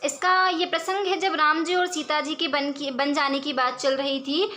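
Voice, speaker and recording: A woman teacher explaining verse examples in a lesson, reading lines slowly and then explaining them patiently. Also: sits high, steady tone, pushed and bright, slight background noise.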